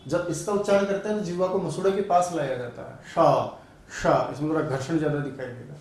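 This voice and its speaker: A male Sanskrit teacher runs an online grammar lesson, drilling sounds aloud and posing questions he then answers himself. He speaks fast, with a fairly high pitch, fairly even intonation and a darkish tone. The room is very echoey and he sits a bit far from the mic.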